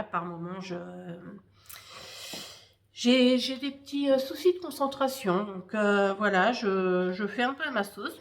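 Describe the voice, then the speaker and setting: A woman hosting a knitting podcast, chatting casually and hesitantly with many fillers while showing her work. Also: mid-range voice. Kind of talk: casual show-and-tell chat.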